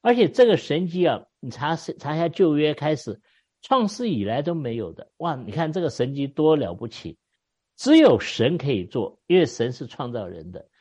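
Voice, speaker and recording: A man preaching an expository sermon, telling the story with lively exclamations and wry asides. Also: on the high side, normal speed, husky. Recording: dull lo-fi recording.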